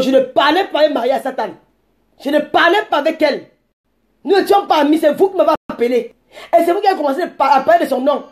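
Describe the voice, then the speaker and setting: A woman, ranting combatively at commenters on a live stream, rambling and breaking into shouts. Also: high-pitched. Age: 40s.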